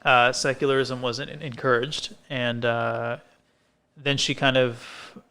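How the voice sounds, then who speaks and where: A man's voice: mid-range voice, flat delivery, takes it slowly, pushed and bright, clean tone. A man co-hosting a podcast from a coffee shop set, talking casually and rambling, with many fillers and restarts. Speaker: podcast co-host. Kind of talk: casual conversation. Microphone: filmed podcast set.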